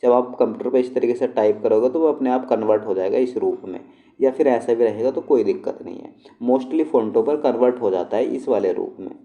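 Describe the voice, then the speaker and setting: Dark-voiced man teaching spelling. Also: medium pitch, brisk, highs cut off. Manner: explains patiently, with frequent check-ins to the class. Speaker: shorthand and typing teacher. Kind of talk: spelling lesson walkthrough.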